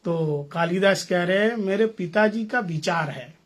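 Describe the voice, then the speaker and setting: A man with a high voice gives a storytelling sermon to a gathering. He speaks playfully, acts out the characters' lines and keeps putting questions to his listeners. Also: measured pace. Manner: playful, acts out dialogue, asks audience questions. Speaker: spiritual teacher.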